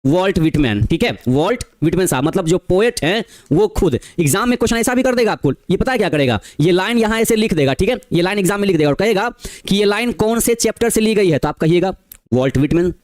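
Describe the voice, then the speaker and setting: This high-voiced male tutor from Bihar, India, sounds expressive and darkish in a dry recording. Lecturing an exam-prep class, he slowly reads English poetry, explains each line in Hindi, addresses students as "bachche" and poses rhetorical questions.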